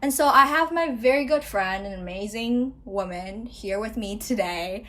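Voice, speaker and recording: A woman's voice: mid-range voice, moderate pace, bright, forceful tone. Young female podcast host from Taiwan, casual chatty delivery, filler-heavy. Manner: chatty, many filler likes.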